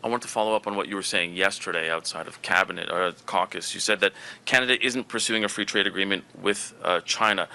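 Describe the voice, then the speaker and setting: Fast-talking tv reporter guy, low gravelly voice with a very bright edge. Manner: brisk, pointed questioning. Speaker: TV news reporter. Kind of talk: asking questions at a press conference.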